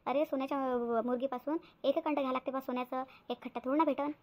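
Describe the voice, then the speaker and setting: A woman's voice: sits high, fairly even intonation, very fast, a little mellow, natural voice. A woman voicing a scheming young wife in a cartoon, sly and whiny, pleading with fake tears. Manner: wheedling, fake-tearful pleading. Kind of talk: cartoon voice acting.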